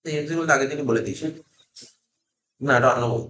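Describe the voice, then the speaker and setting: A man's voice: on the high side, quick pace, a bit bright, roomy sound. A man with a Kolkata Bengali accent, lecturing a class and drilling students with repeated questions. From India. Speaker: teacher.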